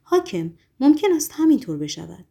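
A shrewd, composed secret-police chief, deferential and reassuring toward his superior, as a woman reader gives his lines. Steady audiobook delivery in a rather high voice. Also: vocal fry, breathy edge, heavily acted. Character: calm, shrewd secret-police chief, middle-aged man. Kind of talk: audiobook reading.

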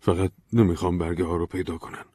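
A paranoid young man who talks urgently and secretively, as a storyteller plays him. He has a low, husky voice, recorded dry and close. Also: level tone, dark tone, no echo. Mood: urgent worried.

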